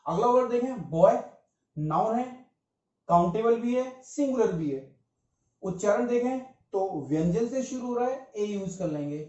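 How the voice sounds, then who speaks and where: A man's voice: sits high, animated, a little slow, a little mellow. A middle-aged man teaching a grammar lesson step by step, often addressing his viewers as friends. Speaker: English teacher. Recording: dull, roomy sound from a distant mic.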